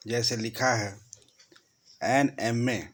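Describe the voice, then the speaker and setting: A man with a Hindi accent teaching a grammar lesson, explaining slowly and repeating key points. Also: medium pitch, fairly bright tone.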